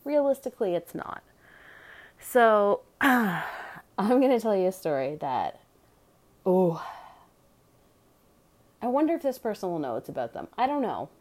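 A woman's voice: mid-range voice, big pitch swings, measured pace, long pauses, darkish tone. A woman candidly telling a personal story in casual chat, blunt and chatty with sarcastic asides.

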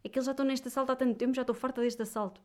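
A woman's voice: sits high, steady tone, rapid-fire, darkish tone. A young woman from Viseu with a European Portuguese accent, ranting animatedly and casually to her viewers, full of little fillers. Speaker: vlogger. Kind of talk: casual chat.

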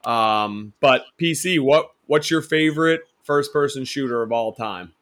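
A man hosting a casual podcast chat, teasing his guests with quick laughs. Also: mid-range voice, fairly bright tone. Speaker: podcast host.

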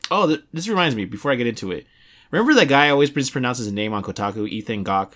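A man's voice: medium pitch, sing-song, rapid-fire, fairly bright tone. Rambling young male podcast host. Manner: rambling, many restarts and fillers. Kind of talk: casual podcast chat.

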